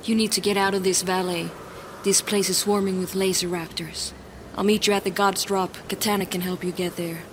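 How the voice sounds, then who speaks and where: A woman playing a flat-voiced Viking warrior. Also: mid-range voice, moderate pace, close to an everyday voice. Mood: commanding. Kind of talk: film dialogue. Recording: film clip with loud noise.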